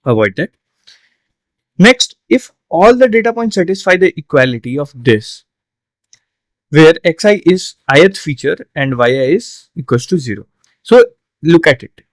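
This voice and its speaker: A man's voice: on the high side, very animated, unhurried, long pauses, no echo. A man tutoring an exam solution, explaining step by step with frequent fillers and tag questions, a little tired. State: yawning, tired. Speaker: online tutor.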